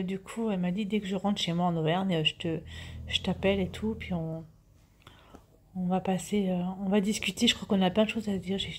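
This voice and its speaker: A woman's voice: mid-range voice, a little mellow, slight background noise. A woman in her fifties telling a story to her viewers in a chatty way, full of fillers and restarts, sometimes dropping to a whisper. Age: 50s. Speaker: vlogger.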